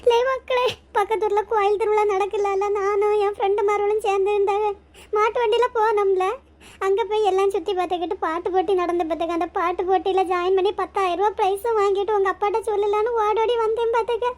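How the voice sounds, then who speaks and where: A voice actor voicing a hurt, tired village mother in a cartoon, talking softly to her children. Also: extremely high pitch, little pitch movement, quick pace. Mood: telling, hurt. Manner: soft, tired, reassuring. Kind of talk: cartoon voice acting.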